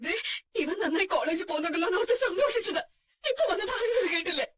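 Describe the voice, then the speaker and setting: A woman's voice: extremely high pitch, expressive, fast. A woman voicing a worried mother with aching knees who frets and nags, in a fan-dubbed drama. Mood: fretful. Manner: fretful and nagging.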